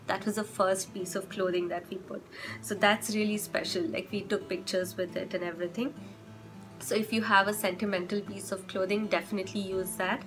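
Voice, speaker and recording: Hoarse from a cold, this young woman vlogs casual parenting tips in a mid-range voice, delivered flat and fairly quickly over music. She often stops to reword things, using fillers as she goes.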